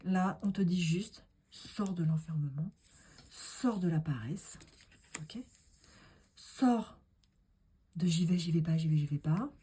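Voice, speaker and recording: A woman's voice: on the low side, unhurried, warm tone, breathy edge. A woman doing a casual tarot card reading, talking straight to the viewer in an encouraging, rambling way. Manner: rambling, with many fillers and asides.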